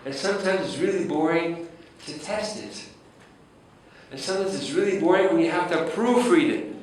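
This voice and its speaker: A man's voice: fairly high pitch, lively intonation, normal speed. Man lecturing in an echoey hall. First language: French. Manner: engaging, asks the audience rhetorical questions. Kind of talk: humorous academic lecture. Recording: echoey hall, distant mic, faint ambience.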